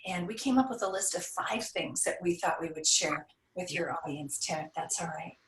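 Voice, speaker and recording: A woman, a sales coach guest, explaining things in a measured, thoughtful way on a video call. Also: fairly low pitch, a little hiss or hum. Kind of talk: podcast interview. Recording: roomy sound, distant from mic.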